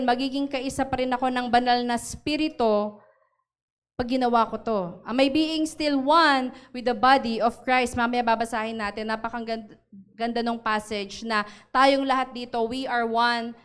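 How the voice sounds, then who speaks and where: Lively woman pastor, smooth higher voice. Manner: asks the congregation questions and tag questions, laughs often; switches between Tagalog and English mid-sentence. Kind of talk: sermon. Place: church service.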